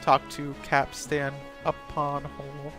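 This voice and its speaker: A man's voice: on the high side, completely flat delivery, takes it slowly, music in the background. A man hosting a let's play with casual, joking commentary and a stuffy nose, reading game dialogue aloud.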